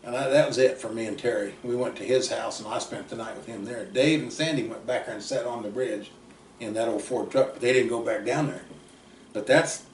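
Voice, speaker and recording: A man's voice: medium pitch, a little fast. Old guy from rambling thru a story, roomy sound, mic kinda far off. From southeast Kansas. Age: 70s. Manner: folksy, drifting, trails off quietly at ends. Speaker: uncle telling stories. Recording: roomy, distant mic, faint background noise.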